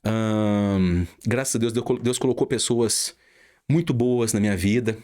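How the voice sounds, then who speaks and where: A man's voice: lowish voice, a little slow, a little mellow. A middle-aged Brazilian man, a radio announcer, telling his story in a casual interview with an emphatic, heartfelt manner and a Brazilian Portuguese accent.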